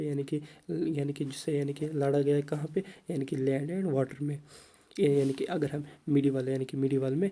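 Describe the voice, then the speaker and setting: A man giving an exam-prep history lesson in a very dark, mellow voice pitched a little high. He keeps asking questions aloud and answering them himself, leaning on the same filler phrase. He reads English notes slowly, then explains them in Urdu. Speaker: teacher.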